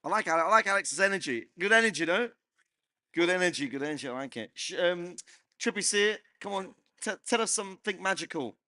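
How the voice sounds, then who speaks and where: Male host for a live panel; bright, slightly high voice, dry close mic, playful prodding banter. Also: animated, fast talker, no room sound. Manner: bantering, laughs often, prods guests for questions. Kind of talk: lively panel Q&A chat.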